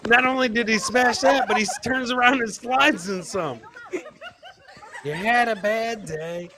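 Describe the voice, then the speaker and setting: A comedian in his forties from America hosts a live clip show, tossing out casual, exclamatory stream commentary and frequently repeating catchphrases. He speaks unhurriedly in a very high-pitched voice into a close boom studio mic with headset, with crowd noise audible.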